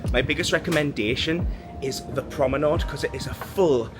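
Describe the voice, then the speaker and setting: A man's voice: a little high, moderate pace, over loud music. A young man chatting casually in a travel vlog on board a cruise ship, self-deprecating and laughing often. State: out of breath at times. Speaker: cruise vlogger. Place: aboard a cruise ship, outdoor deck and corridors.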